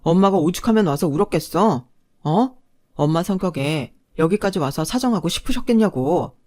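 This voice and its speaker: A woman's voice: fairly low pitch, lively intonation, normal speed, mellow, lightly acted. A woman doing a defensive ex-husband. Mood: pleading. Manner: indignant then wheedling. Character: defensive, pleading adult ex-husband.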